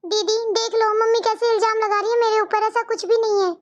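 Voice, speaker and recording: A woman's voice: extremely high pitch, fairly even intonation, brisk, dull audio. A woman doing a dutiful young cartoon daughter-in-law. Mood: pleading. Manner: polite, pleading. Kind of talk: cartoon story voice acting.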